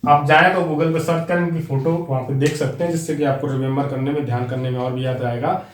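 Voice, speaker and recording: This Indian-accented man talks fast in a mid-range, steady voice, and the sound is roomy. He's leading an exam-prep class, repeating key facts over and over and speaking straight to the students.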